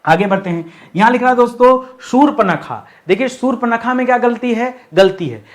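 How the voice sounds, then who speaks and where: High-voiced man teaching a lesson. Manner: explains step by step, keeps asking and answering his own questions; slows down to spell out key words. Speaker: Hindi teacher. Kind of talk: online exam-prep lesson.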